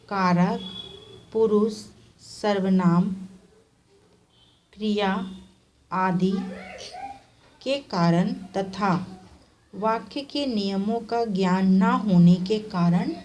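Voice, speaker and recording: A woman teacher giving a slow classroom explanation, reading each word and then repeating its correct form, and often closing points with "okay.". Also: medium pitch, a little mellow, slight background noise, poor audio. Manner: often ends points with "okay" and "theek hai".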